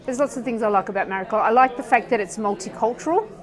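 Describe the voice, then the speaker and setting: A woman's voice: a little high, very fast. A woman, a local business owner, talking in a rambling way with many restarts in a street interview. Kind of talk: vox pop interview. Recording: street crowd noise behind.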